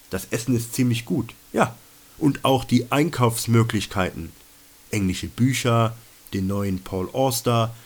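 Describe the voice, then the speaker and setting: A man reading his own travel diary aloud in a wry, mock-dramatic, self-mocking way. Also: mid-range voice. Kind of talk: scripted first-person storytelling.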